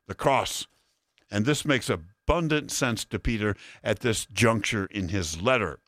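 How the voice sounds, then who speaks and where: Man preaching a deliberate Bible sermon. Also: medium pitch, fairly bright tone, no room sound, studio quality. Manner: deliberate, emphatic Bible exposition. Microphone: broadcast sermon addressing listeners.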